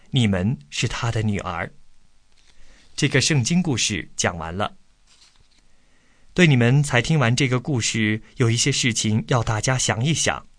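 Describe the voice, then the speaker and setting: Man calmly reading a Bible story. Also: mid-range voice, dry recording, studio quality. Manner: calm, even storytelling with study questions.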